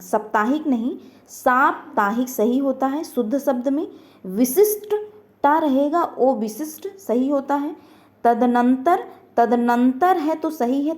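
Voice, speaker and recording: A woman's voice: fairly high pitch, a little mellow. A woman teaching an online grammar lesson, asking questions and answering them herself, repeating each word.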